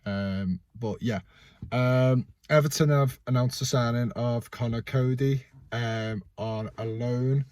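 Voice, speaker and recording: A young man hosting a casual fan vlog, his voice going hoarse, rambling with many fillers and restarts. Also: mid-range voice, takes it slowly, darkish tone, dry recording, studio quality. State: losing his voice. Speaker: fan channel host.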